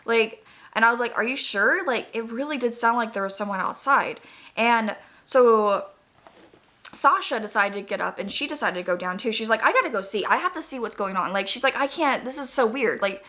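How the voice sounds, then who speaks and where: Bright, higher-pitched young woman, chatty storyteller. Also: expressive, a little fast. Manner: chatty, rambling, peppered with "like". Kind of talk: casual personal ghost-story storytelling.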